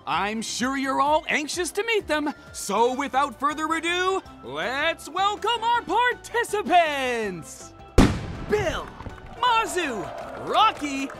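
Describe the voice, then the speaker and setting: An actor voicing an excitable little dinosaur host in a cartoon, announcing prizes and contests in a booming, grandiose way with stretched-out words. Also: heavily acted. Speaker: sports event announcer. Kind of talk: cartoon commentary. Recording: loud music behind the voice.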